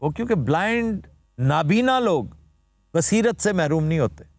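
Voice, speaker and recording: A man's voice: high voice, lively intonation, moderate pace, creaky, no echo, studio quality. A man hosting a TV talk show, explaining where words come from in a lecturing way and using formal vocabulary. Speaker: host. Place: TV studio.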